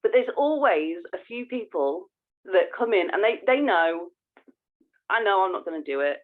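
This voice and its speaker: A medium-pitched woman with lively intonation speaks at a normal speed while co-hosting a podcast. Her casual, informal explanations often restart midway, and the recording is narrow and phone-like.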